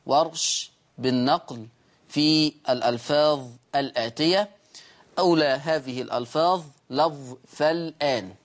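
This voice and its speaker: A man with an Egyptian accent hosting a Quran recitation lesson, patiently explaining rules and repeating each point twice. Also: mid-range voice. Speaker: Quran recitation teacher and host.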